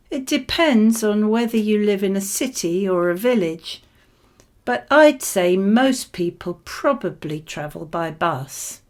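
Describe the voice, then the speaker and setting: Model answers for an oral exam are read from a script by a woman whose voice sits at medium pitch. She speaks in a measured way with clear phrasing.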